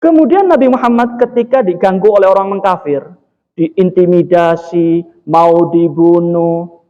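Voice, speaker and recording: High-voiced East Javanese preacher. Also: male voice, a little slow. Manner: animated, addresses audience as Pak. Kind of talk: sermon with storytelling. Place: mosque. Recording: dull, echoey mosque hall.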